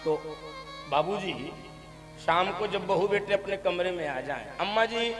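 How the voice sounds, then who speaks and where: A man giving devotional katha storytelling, lively and laughing as he acts out an old couple and their family in different voices. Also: high voice, measured pace. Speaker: religious storyteller. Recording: echoey hall with music behind.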